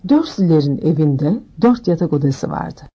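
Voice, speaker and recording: A woman narrating an audiobook in a steady, measured reading. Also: low voice, breathy edge, highs cut off.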